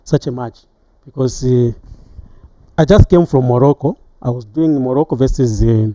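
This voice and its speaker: Recorded dry, a middle-aged Zambian-accented man with a warm, medium-pitched voice shares memories of refereeing in an interview, now retired, stopping haltingly and repeating words along the way.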